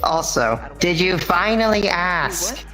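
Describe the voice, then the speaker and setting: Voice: medium pitch, animated, slow, poor audio. A roleplayer in a role-play chat, talking in a teasing, blunt way. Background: music.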